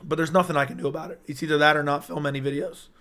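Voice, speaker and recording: A young man, an MMA YouTuber, hosts a casual livestream on a personal streaming mic, reading viewer comments and talking straight to chat in a hyped, rambling way. His voice is on the high side, level in tone, rapid-fire and fairly bright. It sounds strained and keeps cutting in and out.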